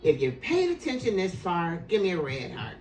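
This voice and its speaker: A woman hosting a casual talk show, lively and teasing with her guest. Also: lowish voice, moderate pace, echoey room, distant mic, soft background music. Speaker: host.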